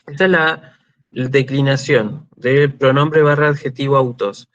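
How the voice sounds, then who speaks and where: A man giving an online university lecture, slow and deliberate, checking in often with his students. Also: mid-range voice, fairly even intonation, a bit bright, lo-fi sound. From Argentina. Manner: slow, checks in with frequent "¿sí?" and "este" fillers. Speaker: university lecturer in Greek language and culture.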